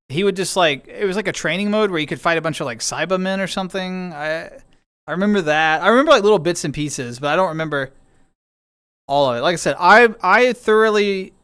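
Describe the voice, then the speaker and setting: Smooth high-voiced young man chatting. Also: a bit bright, no echo. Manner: rambling, chatty, frequent restarts and fillers. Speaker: streamer. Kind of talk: casual chat with stream viewers.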